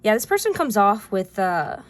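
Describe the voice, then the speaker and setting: A woman's voice: mid-range voice, big pitch swings, moderate pace. A woman giving a casual spoken tarot reading, chatty and rambling, with frequent fillers and easy laughs. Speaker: tarot reader.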